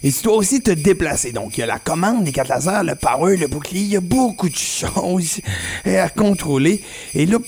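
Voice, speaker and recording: A man's voice: high-pitched, expressive, normal speed, gravelly, a little mellow, faint music behind. A man with a Québécois accent chatting on the radio about video games, explaining eagerly with frequent hesitations. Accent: Québécois French. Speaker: video game columnist. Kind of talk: casual radio chat.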